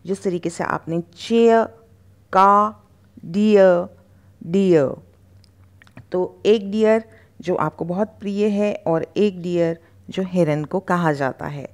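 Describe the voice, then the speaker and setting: A woman teaching English pronunciation, repeating each word slowly and stretching out the sounds. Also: lowish voice. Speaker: spoken English tutor. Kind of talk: slow pronunciation lesson.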